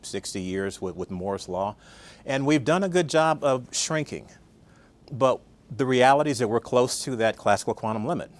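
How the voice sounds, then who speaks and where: A man's voice: medium pitch, lively intonation, moderate pace. An older man giving a conversational conference talk, often asking the audience questions. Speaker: guest speaker.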